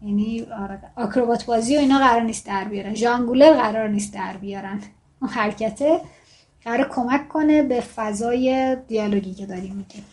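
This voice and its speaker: A woman's voice: fairly high pitch, a little mellow. A woman teaching fiction writing in a casual, explaining way, reading passages aloud in a more formal tone. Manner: explains casually, then reads excerpts in formal tone.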